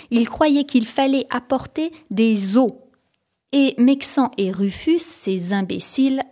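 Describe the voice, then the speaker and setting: Woman reading a children's story aloud. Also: on the high side. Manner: lively, raising her voice for the characters' lines. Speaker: audiobook reader. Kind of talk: scripted storybook narration.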